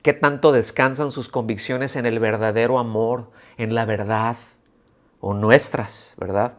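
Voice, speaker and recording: A man's voice: mid-range voice, fairly even intonation, a little slow. A man preaching a sermon to his congregation at a church service. He often puts rhetorical questions to his listeners and acts out the grumbling voices of complainers. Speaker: pastor. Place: church service streamed on video call.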